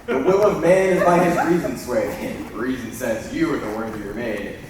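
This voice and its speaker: A man's voice: medium pitch, moderate pace, slight background noise, natural voice. A young man playing an ardent young Athenian lover in a school stage play, delivering verse with playful swoops. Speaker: stage actor. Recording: echoey hall from far off.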